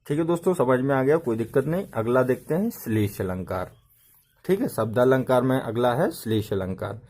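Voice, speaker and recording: A man teaching an exam-prep grammar lesson, often checking in with a rising "okay?". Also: darkish tone. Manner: repeats "ठीक है" with a rising pitch to check the class is following.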